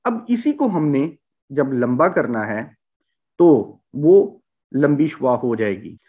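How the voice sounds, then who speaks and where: A man's voice: medium pitch, sing-song, slow. A man from Punjab teaching English vowel sounds in a lecture, repeating example words with heavy stress. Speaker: language teacher. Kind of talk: spoken phonetics lecture. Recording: tinny phone-like sound.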